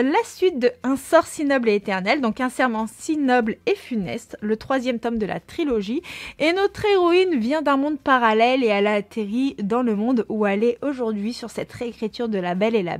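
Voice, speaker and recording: A woman's voice: high-pitched, no echo. A woman hosting a book channel, chatting casually and listing items, with frequent hesitant fillers.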